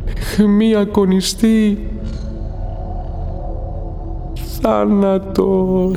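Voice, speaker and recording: A man giving a dramatic spoken-word poetry recitation, slow and deliberate, dropping into whispers and rising into cries. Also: high voice, little pitch movement, vocal fry, warm tone. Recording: long reverb with faint background music.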